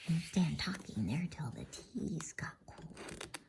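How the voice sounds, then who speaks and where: A woman voicing a bossy, practical, motherly female beaver in a breathy whisper for a storybook reading. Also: deep voice, expressive, slow, heavily acted. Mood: fussy, practical.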